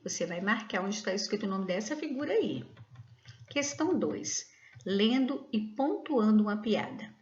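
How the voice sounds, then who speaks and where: A woman's voice: mid-range voice, dull audio. A woman teacher from Brazil reading out a school worksheet and patiently explaining each question step by step.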